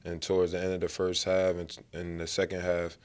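A young man, a college basketball player, giving a relaxed post-game interview and filling nearly every phrase with "you know". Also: sits low, brisk. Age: young adult. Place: press backdrop at an arena. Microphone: handheld mic held by interviewer.

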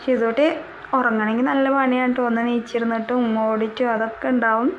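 A woman's voice: fairly high pitch, flat delivery, quick pace, slight background noise, low-quality recording. Chatty young woman narrating her day. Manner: chatty, often adding a tag word at the end of a sentence. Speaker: vlogger. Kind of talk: casual voice-over narration of daily chores.

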